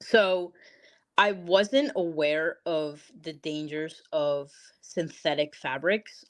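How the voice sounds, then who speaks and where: Chatty young woman guest, low voice. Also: fairly even intonation, slow pace. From Peru. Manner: chatty, emphatic, says literally and like a lot. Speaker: podcast guest. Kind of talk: casual interview chat.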